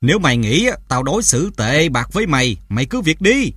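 A man voicing a cruel, drunken mother in an audiobook, shouting in a shrill, sneering way. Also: takes it slowly, no room sound, studio quality, lightly acted. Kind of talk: audiobook character voice.

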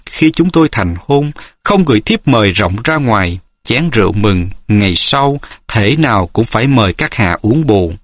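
A man's voice: fairly low pitch, lively intonation, moderate pace, fairly bright tone, dry recording, voice pushed down. A male storyteller voicing a smug, gloating young swordsman who speaks in a mocking tone in a martial-arts audiobook.

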